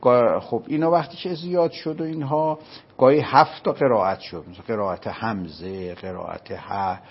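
Isfahani-accented male scholar, patient explainer, husky voice, muffled lo-fi sound. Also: mid-range voice. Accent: Isfahani Persian. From Isfahan, Iran. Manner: patient, explaining step by step with checking questions. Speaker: religious scholar. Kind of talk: explanatory lecture in conversation.

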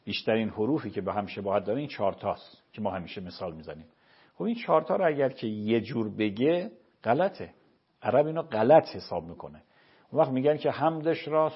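A man, a cleric, answering listeners' religious questions in a measured, explanatory way and quoting scripture. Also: mid-range voice, slightly rough, lo-fi sound. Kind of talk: explaining religious rulings on a show.

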